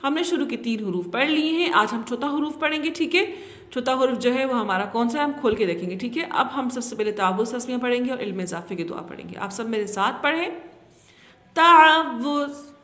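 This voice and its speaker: High-pitched lady teacher talking softly to little kids, keeps saying okay, echoey room. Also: lively intonation, fast. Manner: patient, repeats "thik hai" often; speaks gently to small children. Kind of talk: children's Quran reading lesson.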